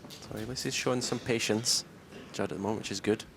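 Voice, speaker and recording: A man giving analytical live snooker commentary, unhurried and matter-of-fact. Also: lowish voice, fairly even intonation, vocal fry, background noise.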